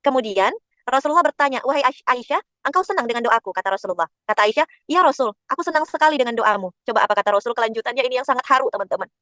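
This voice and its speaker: A woman's voice: on the high side, lively intonation, racing, fairly bright tone, dry recording. A woman religious teacher giving an emotional webinar sermon, telling stories and speaking straight to her listeners. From Indonesia. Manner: emotional, addresses listeners directly and often.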